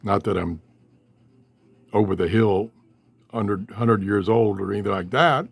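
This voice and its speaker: Filming on a handheld cell phone in a cluttered room downstairs at home, the older host of a shortwave radio hobby channel chats in a folksy, rambling style and frequently cuts himself off. His lowish voice moves at a measured pace, with vocal fry and a breathy edge, and the recording is dry.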